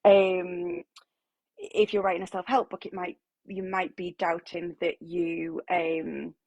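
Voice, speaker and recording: Woman author, chatty coaching talk, slightly gravelly voice, dry close recording. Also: on the low side, little pitch movement, slow, darkish tone, no echo, muffled recording. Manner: chatty, many fillers and restarts. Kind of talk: live online talk to a writing group.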